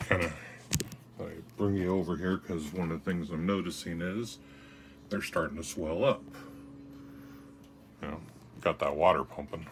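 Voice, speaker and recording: A man with a deep, low voice chats his way through a gardening vlog at home. He rambles, pokes fun at himself and drops corny dad jokes, with a faint hiss behind him. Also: moderate pace, pauses often. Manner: rambling, self-mocking, cracks dad jokes. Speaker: gardening vlogger. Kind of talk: casual how-to vlog.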